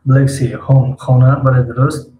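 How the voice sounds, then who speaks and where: A man's voice: medium pitch, little pitch movement, warm tone, roomy sound, slight background noise, poor audio. A man teaching an English lesson, patiently quizzing his students by name and explaining words one by one.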